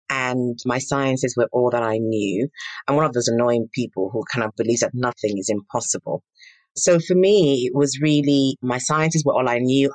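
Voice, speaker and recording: A woman's voice: very deep voice, no echo. A woman in her fifties from Nigeria answering interview questions in an earnest, emphatic, reflective way. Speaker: guest, pharma entrepreneur.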